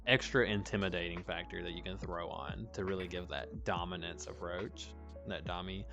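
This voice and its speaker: A man's voice: sits low, moderate pace, vocal fry, highs cut off, over loud music. A man hosting a casual chat, with a dry throat, laid-back and laughing often. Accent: noticeable accent. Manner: relaxed, chatty, laughs often. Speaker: host.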